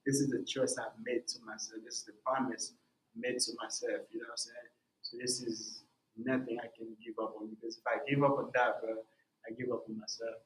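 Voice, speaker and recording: A man's voice: medium pitch, fairly quick. A young man, a music artist and podcast guest, talking casually and telling his story with lots of "bro" and "man". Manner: animated storytelling, says "bro" often. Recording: roomy echo.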